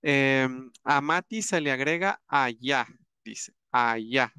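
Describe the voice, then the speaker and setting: A man teaching a grammar lesson, patient and repetitive, with many pauses and fillers as he works through examples. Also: mid-range voice, animated, bright, forceful tone, clear, resonant tone, no room sound, studio quality. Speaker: language teacher.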